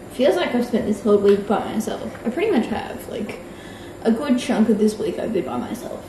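A young woman with an Australian accent talks in a loose, frank way, sprinkling in swear words and fillers. Her voice sits a little higher than most women's. The sound bounces around a roomy space at home. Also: very animated, normal speed, noisy background. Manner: chatty, frank, swears freely, lots of filler likes. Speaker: book vlogger. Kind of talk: casual reading vlog chat. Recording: roomy echo.

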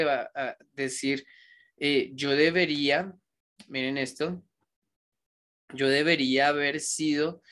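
A man teaching an English grammar lesson, with reflective rambling asides and slow, careful dictation of example sentences. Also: on the high side, fairly bright tone. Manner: switches between explaining and slow dictation of examples.

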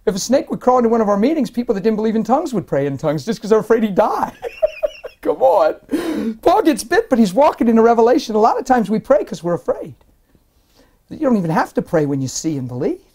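A man in his forties giving an emphatic, animated personal testimony while seated in an interview, often breaking into laughter between points. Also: very high-pitched, quick pace. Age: 40s. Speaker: interview guest, minister. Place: indoor lounge-style set, seated in armchair.

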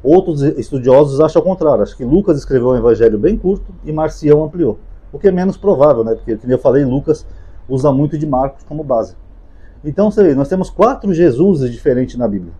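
A man's voice: fairly high pitch, lively intonation, fast talker, warm tone, breathy edge. A Brazilian man giving an unscripted, conversational talk on the gospels, peppering his points with "né" and "tá" as he speaks from memory. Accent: Brazilian Portuguese. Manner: conversational, many fillers like "né" and "tá". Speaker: YouTube Bible commentator. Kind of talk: casual spoken lecture on the gospels.

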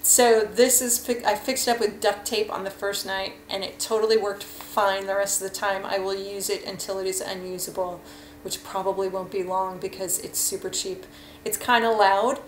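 A hiking vlogger in her thirties reviews gear casually at home, recording on a webcam at her desk in the kitchen. She rambles frankly with plenty of fillers, her mid-range voice showing little pitch movement at normal speed. The room is echoey with faint ambience and slight background noise.

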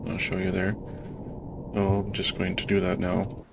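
Brief: low, flat-voiced man, gravel in the voice, low-key self-mocking gameplay commentary over noisy game sound. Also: moderate pace. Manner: self-described monotone, self-deprecating. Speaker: gamer playing a submarine sim. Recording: noisy game audio behind voice.

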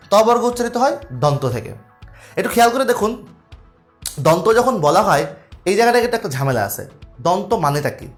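A young man with a Bangladeshi Bengali accent, teaching an exam-prep lesson in a casual way. He explains step by step and keeps asking rhetorical questions. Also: fairly high pitch.

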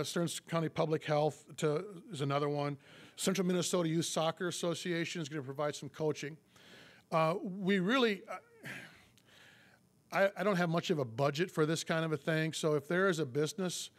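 Speaking from a podium microphone in a meeting room, this man in his fifties is a police chief getting over a cold. His pitch runs a little high as he stumbles through the public address with many fillers and restarts.

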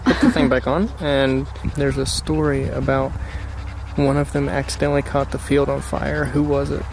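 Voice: medium pitch, little pitch movement, moderate pace, creaky, darkish tone. A person talking to a ghost on a casual paranormal investigation in the woods, asking questions aloud and repeating them. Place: outdoors in woods at night. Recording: noisy outdoor recording with ambient noise.

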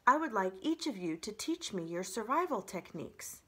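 Lady reading as a gentle robot in a kids book, formal n polite, bright voice. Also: mid-range voice, sing-song, moderate pace, husky. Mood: calm, earnest. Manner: formal, matter-of-fact wording. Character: gentle, literal-minded female robot, calm and polite. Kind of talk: children's book read-aloud.

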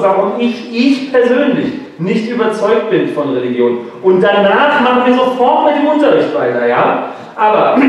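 A man reading aloud from his own book at a public talk in a university lecture hall, telling the story in a lively way. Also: sits high. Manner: lively storytelling, slipping into character voices. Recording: echoey lecture hall from far off.

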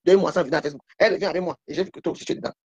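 Husky woman talking very fast. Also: on the low side, a little mellow, no echo. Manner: heated, repetitive complaining. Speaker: guest on a live stream. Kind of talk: casual live-stream chat.

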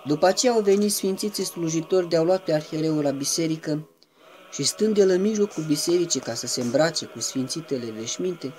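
A man giving a reverent, measured devotional reading that slips into chanted intoning at times. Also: a little high, darkish tone. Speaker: reader of a saint's life.

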